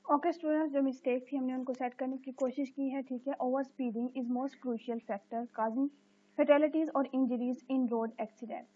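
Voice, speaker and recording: A woman teacher walks through an exercise in a recorded lecture. She reads each English sentence slowly in a fairly high voice and keeps saying "okay" as she explains. The sound is thin and tinny, like a phone line. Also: fairly even intonation. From Pakistan.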